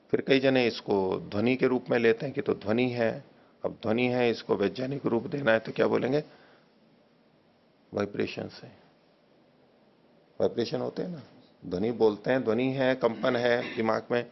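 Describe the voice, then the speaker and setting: A man's voice: mid-range voice, creaky. A man teaching scripture in a spoken lecture, explaining step by step and pressing a student with pointed questions. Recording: dull lo-fi recording.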